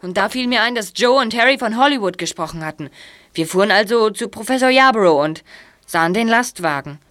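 A man's voice: sits high, lively intonation, brisk, bright, forceful tone. A young male actor playing a cheeky, eager teenage boy in a detective audio drama, with a casual, teasing way of talking. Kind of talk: German children's detective audio drama acting.

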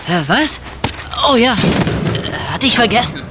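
A man's voice: extremely high pitch, lively intonation, very noisy, heavily acted. An actor in an audio drama playing a dim-witted, clumsy young male henchman who whines and hesitates. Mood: sheepish, confused. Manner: hesitant, slow on the uptake, whining. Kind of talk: German audio drama acting.

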